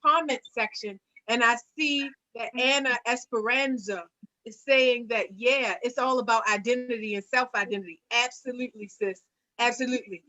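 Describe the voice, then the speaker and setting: A woman's voice: fairly high pitch, pushed and bright, muffled recording. A woman hosting an online panel, speaking earnestly with a preacher-like cadence and frequent fillers. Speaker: host; singer.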